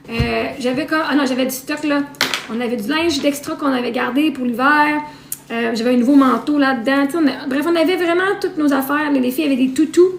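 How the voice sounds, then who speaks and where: A woman with a Québécois accent chats on a live stream in a high, gravelly voice, wandering from item to item and repeating herself as she goes. The sound is roomy and echoey, with a faint hiss under it. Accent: Québécois French. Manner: rambling, repeats herself while listing things. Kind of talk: casual live-stream chat. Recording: roomy echo, faint noise.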